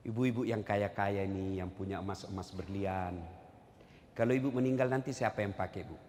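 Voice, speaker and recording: A man's voice: fairly low pitch, normal speed, darkish tone, a little hiss or hum. A male preacher gives a humorous sermon to a hall audience, joking and acting out dialogues between husband and wife. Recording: reverberant hall, faint ambience.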